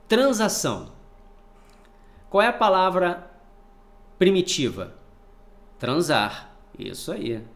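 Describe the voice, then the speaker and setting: A man teaching a spelling lesson for exam prep, asking questions and then answering them himself. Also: medium pitch. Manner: lively, asks and answers his own questions.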